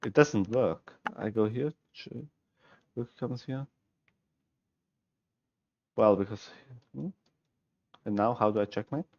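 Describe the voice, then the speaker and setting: His voice is on the low side and a little mellow, recorded lo-fi with no echo. The young man, a native German speaker from Switzerland with a Swiss German accent, streams chess puzzles via headset in a small room at home, musing haltingly, correcting himself, and chatting with viewers.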